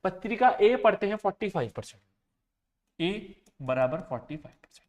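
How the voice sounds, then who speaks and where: A man with a high-pitched voice gives an exam-prep maths lecture. He works through each problem step by step, mixing in terms, and keeps asking his students whether they follow. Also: animated, normal speed, a little mellow. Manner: explains step by step, often asks students if they understood. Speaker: maths and reasoning teacher.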